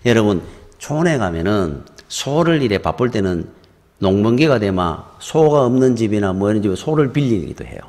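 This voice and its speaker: In a church sanctuary with lots of reverb, a middle-aged pastor with a Gyeongsang Korean accent preaches conversationally, weaving in lively stories. He speaks at a moderate pace in a fairly low voice.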